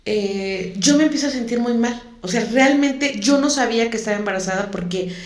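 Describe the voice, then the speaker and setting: A woman's voice: on the high side, brisk. A woman, a guest telling a personal story in an interview, emotional and repeating words for emphasis. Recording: echoey room.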